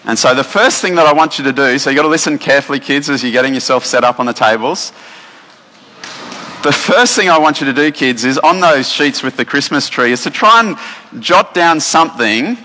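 Male Australian pastor, bright-toned, relaxed chatty sermon delivery, long church hall reverb. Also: medium pitch. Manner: relaxed, chatty, many fillers and restarts. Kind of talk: casual sermon with instructions for children.

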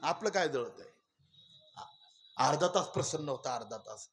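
A man preaching a kirtan sermon, telling stories and swinging between loud exclamations and hushed asides. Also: mid-range voice, expressive, moderate pace, gravelly. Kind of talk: Marathi kirtan sermon with storytelling.

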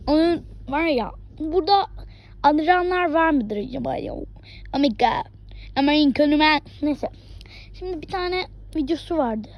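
A woman vlogging in a casual, rambling chat, sometimes dropping into hushed asides. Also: high-pitched.

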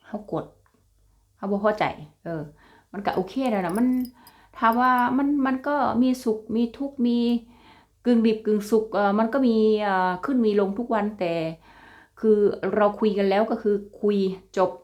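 A woman's voice: medium pitch, normal speed, a little mellow. This is a young woman with a Northeastern Thai Isan accent, chatting in a casual vlog. She talks freely and familiarly, calls her viewers brothers and sisters, and laughs often. Her voice sits in a middle register for a woman. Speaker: vlogger.

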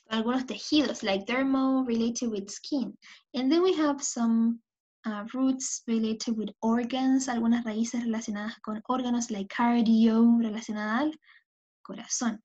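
A bilingual woman English teacher, a native Spanish speaker with a fairly high and slightly mellow voice, gives a recorded lecture. She explains in English, repeats it in Spanish and often checks with "¿ok?". The audio is dull and lo-fi.

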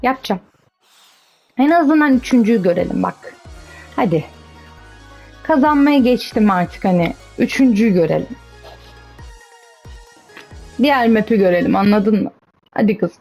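With a darkish, medium-pitched voice full of lively intonation and vocal fry, this gaming streamer chats about her own play at a moderate pace, pausing often. She cheers herself on, gets fed up with the game, and faint music plays in the background.

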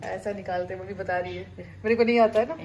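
A woman's voice: mid-range voice, steady tone, fast talker, darkish tone, a little hiss or hum. A young woman from India, chatting to viewers in a casual home vlog while filming around her family's house and kitchen. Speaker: family vlogger.

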